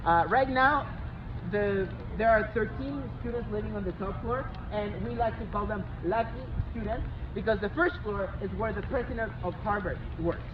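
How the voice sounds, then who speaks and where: A man's voice: high-pitched, moderate pace. A young man from Chile with a Chilean accent, a student earnestly explaining things while walking outdoors on a college campus. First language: Spanish. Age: young adult. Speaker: student tour guide. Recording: tinny phone-like audio with loud outdoor traffic noise.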